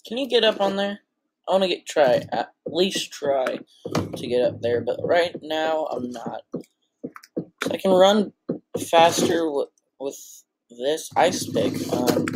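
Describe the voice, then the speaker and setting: A teenage boy with a voice that is breaking, casually commentating his own gameplay with excitable, blurting reactions. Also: a little high, measured pace. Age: teens. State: voice cracking. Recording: noisy, with mouse clicks.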